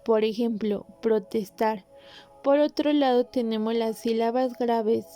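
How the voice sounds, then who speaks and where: A woman hosting a podcast, calmly explaining Spanish grammar in a measured, instructive way with pauses. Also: fairly high pitch, soft background music. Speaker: podcast host.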